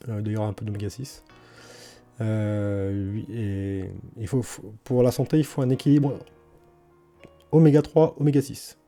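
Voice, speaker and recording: A man's voice: lowish voice, steady tone, measured pace, dark tone, soft background music. A man in a casual garden vlog, talking colloquially with many hesitations and restarts, and blunt, enthusiastic opinions. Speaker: vlogger talking about his garden.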